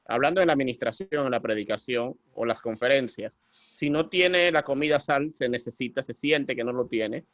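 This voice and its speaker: A Dominican man hosts a relaxed conversation in a mid-pitched voice, often dropping short affirming words. The recording is dry and lo-fi. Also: normal speed, dry recording. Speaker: host. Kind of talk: casual interview.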